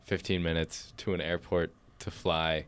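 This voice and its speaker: Deep-voiced teenage podcast co-host. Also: male voice, little pitch movement, measured pace. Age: teens. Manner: laid-back, dry, trailing quieter at ends. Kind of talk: casual podcast chat.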